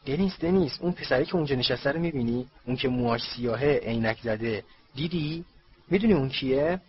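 A man voicing an eager young schoolboy in a storybook reading, talking quickly, on a dull lo-fi recording. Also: medium pitch, natural voice. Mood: excited. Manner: rapid, eager.

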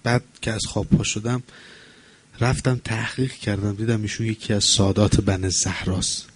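A man's voice: fairly low pitch, fairly even intonation, husky. A male preacher telling a religious story in sermon style, building into impassioned mourning recitation.

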